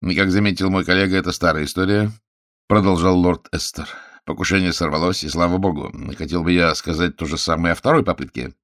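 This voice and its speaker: A man's voice: deep voice, fairly even intonation, fairly quick, a bit bright, no echo, studio quality. A man voicing a grave, worried senior statesman in an audiobook, formal and solemn.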